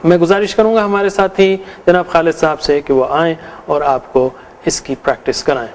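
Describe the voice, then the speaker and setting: A middle-aged male teacher gives a grammar lesson in a patient, explanatory way. His voice sits a bit on the high side. He walks through conjugations in measured, recited drills. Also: steady tone, a little hiss or hum. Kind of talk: explanatory lecture.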